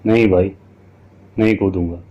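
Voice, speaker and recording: A man's voice: sits low, fairly even intonation, moderate pace, warm tone, dull audio. A man voicing a frightened, foolish man on a rooftop in an audio horror story, pleading fearfully. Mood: scared pleading.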